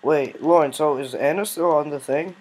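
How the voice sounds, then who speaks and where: A man's voice: fairly high pitch, normal speed, a little mellow, a little hiss or hum. A male gaming host giving casual commentary on a game with friends, teasing and bossy, often breaking into laughs.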